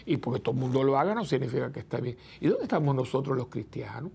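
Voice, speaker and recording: Gravelly-voiced priest talking with his listeners. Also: medium pitch, lively intonation, fast, a little mellow. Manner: chatty, asks the listeners rhetorical "¿no?" questions; acts out the people he quotes. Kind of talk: conversational preaching talk.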